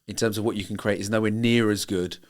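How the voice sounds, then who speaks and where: A man's voice: fairly low pitch, steady tone, fast. A man from Britain co-hosting a tech podcast, explaining things in a matter-of-fact, casual way. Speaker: podcast co-host. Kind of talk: casual chat.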